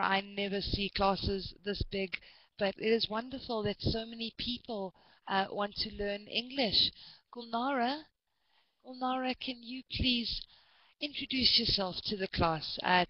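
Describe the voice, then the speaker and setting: A woman's voice: medium pitch, unhurried, no room sound, lo-fi sound. A woman from South Africa teaching English to a large online class, patient and encouraging, often repeating students' names.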